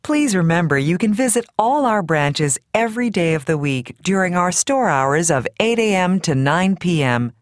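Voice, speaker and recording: A woman's voice: lowish voice, no echo, studio quality. A woman reading as a polite supermarket announcer. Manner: even, measured, clearly spoken read. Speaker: store announcer.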